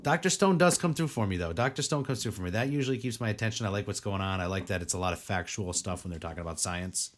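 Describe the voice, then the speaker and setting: A man's voice: on the low side, quick pace, hardly any pauses, a bit bright. A man hosting a podcast in casual chat, rambling with lots of "like" and frequent swearing. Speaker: podcast host.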